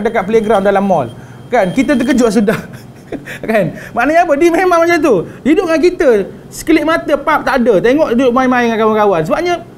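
A man's voice: high voice, darkish tone, a little hiss or hum. A young man with a Malaysian Malay accent giving a religious talk on parenting, chatty, with frequent tag questions and English phrases mixed in. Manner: conversational, frequent "kan?" tags and restarts. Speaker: religious teacher.

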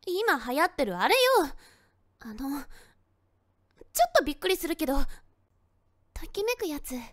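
A woman's voice: high voice, very animated, normal speed. A woman playing a bashful, snappy teenage tsundere girlfriend in an anime-style situation voice drama, stammering and huffy. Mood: flustered, insistent.

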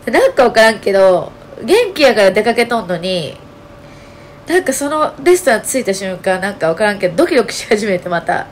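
A woman with a Kansai accent talking casually to her channel, her voice hoarse and nasal, telling her story with lots of fillers. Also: medium pitch, brisk, a little hiss or hum. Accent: Kansai Japanese. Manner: chatty, animated storytelling with many fillers. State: hoarse, strained voice. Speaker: channel host. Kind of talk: casual solo vlog talk.

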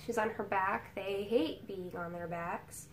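Indoors in her bedroom, a young adult beauty vlogger chats casually while doing her makeup, rambling with plenty of fillers in a sick, nasal voice. Her pitch is medium and her tone steady, at a measured pace. Slight background noise is audible.

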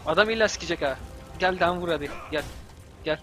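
A young Turkish man doing let's-play commentary, yelling and cursing at the game in exasperation. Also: a little high, fairly quick, soft background music. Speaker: gameplay commentator.

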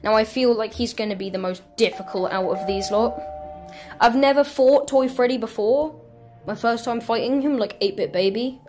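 A woman playing a horror game from her bedroom, with excitable, squealing commentary and sudden yelps. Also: a little high, normal speed. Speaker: gaming YouTuber. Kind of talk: excitable let's-play commentary. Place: home bedroom. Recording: faint game music behind.

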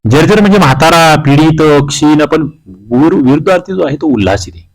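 In this quiz walkthrough lesson, an exam-prep instructor from Maharashtra reads out each question and its options, then explains the answer. His voice is a little high and expressive, he talks a little fast, and the audio is poor.

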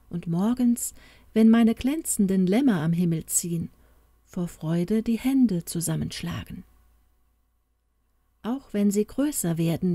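A woman voicing a wise, gentle fairy queen who soothes her daughter in a motherly way. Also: medium pitch, dry recording, studio quality.

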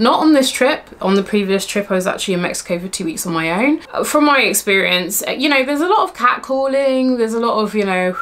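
Chatty British woman giving travel tips. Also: mid-range voice. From Britain. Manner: chatty and animated, with many fillers and restarts. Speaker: travel vlogger. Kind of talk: casual travel tips to camera.

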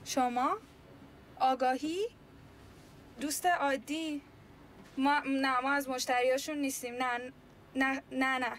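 An actress playing a young woman who answers a call and quickly denies everything. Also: high-pitched, flat delivery, fairly bright tone, a little hiss or hum. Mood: anxious.

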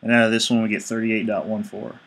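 A man's voice: lowish voice, flat delivery, fast, gravelly, a bit bright. A male engineering instructor giving a screencast lecture, explaining each step evenly and reading out numbers as he works.

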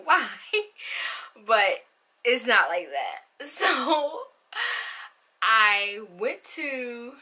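Bright-voiced young woman talking with braces. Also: medium pitch. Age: young adult. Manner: chatty, animated, rambling with asides; speaks with braces on her teeth. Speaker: vlogger. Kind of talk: casual personal vlog. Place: small room at home.

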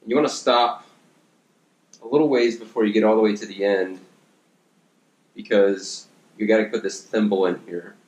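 A man in his thirties giving a relaxed how-to demonstration in his home gym, with lots of fillers as he works with his hands, recorded by a camera a few feet away. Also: lowish voice, normal speed, long pauses. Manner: relaxed instructional, many fillers and restarts; working with his hands while talking. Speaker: fitness coach. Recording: echoey room.

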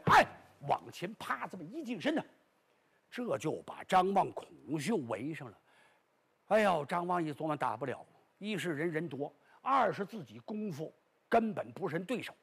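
A male storyteller performing traditional Chinese storytelling in an animated, dramatic and rhythmic way, with a raspy voice. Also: high-pitched. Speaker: pingshu storyteller.

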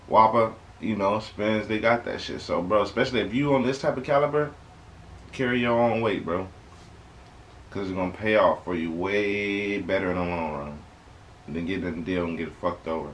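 A young American man with a fairly low voice gives casual reaction commentary from a bedroom. He talks in conversational slang and repeats lines for emphasis, over clearly audible background noise. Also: low-quality recording. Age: young adult. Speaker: reaction video host. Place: small bedroom indoors. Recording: clear background noise, home webcam recording.

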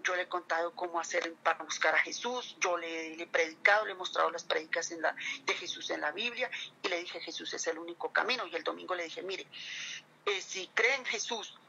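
A woman's voice: fairly low pitch, a little fast, gravelly, bright, forceful tone, muffled recording, slight background noise. A middle-aged woman giving an earnest, emotional religious testimony to a pastor, addressing him again and again as she speaks.

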